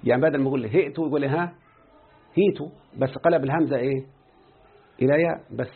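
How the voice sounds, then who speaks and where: A man with an Egyptian Arabic accent teaching a grammar lesson, who keeps quizzing his student and slowly repeats words. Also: medium pitch, slightly rough. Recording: tinny phone-like line.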